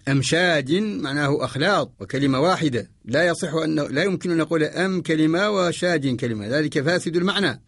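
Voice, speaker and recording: A man from Mauritania teaching Quranic spelling in a radio lesson, slow and deliberate, repeating each example word by word. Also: fairly high pitch, creaky, a bit bright, dry recording, clean studio sound. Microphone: studio microphone.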